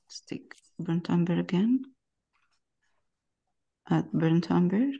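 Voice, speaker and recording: A woman giving a casual painting demonstration, talking softly and haltingly as she works. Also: fairly low pitch, gravelly, breathy edge, lo-fi sound. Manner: soft-spoken, halting, talks to herself while painting. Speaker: painting instructor.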